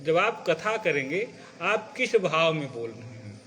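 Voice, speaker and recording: A man's voice: fairly high pitch, very animated, unhurried, sharp tone, a little hiss or hum. A man teaching a class how to recite sacred stories, explaining patiently and often checking that his students follow. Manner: patient, checks understanding with repeated questions; demonstrates phrasing by reciting example lines. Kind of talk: classroom lecture.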